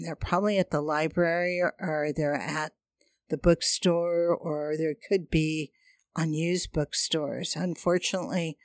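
A meditation teacher with a gentle, mystical healer manner, guiding a breathing and energy class in short, unhurried phrases. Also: medium pitch, dry recording, studio quality. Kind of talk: guided meditation and breathing instruction.

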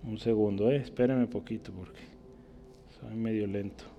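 A man teaching a casual Bible class as a pastor, chatty and checking in with his listeners, stretching out key words slowly to stress them. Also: lowish voice, fairly even intonation, dull audio, a little hiss or hum. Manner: chatty, keeps checking in with the room. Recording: long reverb in a hall.

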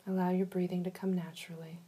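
A woman leading a guided relaxation in a soft, soothing manner, giving slow instructions with long pauses. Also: fairly low pitch, flat delivery, husky.

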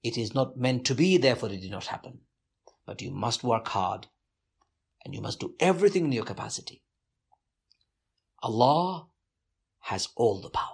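A man speaks slowly and earnestly, as though reflecting aloud for an interviewer. His voice has a gravelly edge and a husky grain throughout. The tone stays devout and measured. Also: medium pitch, lively intonation.

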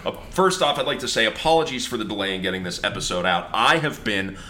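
Bright-voiced man hosting a podcast. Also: fairly low pitch, animated, fast, slight background noise. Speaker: podcast host. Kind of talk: casual podcast banter.

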